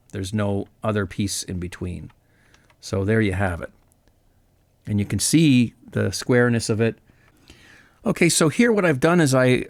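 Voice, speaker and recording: A man's voice: on the low side, dry recording, studio quality. A man hosting a vinyl video, explaining in a chatty, upbeat way with frequent fillers and self-corrections. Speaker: vinyl channel host. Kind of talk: casual how-to explanation.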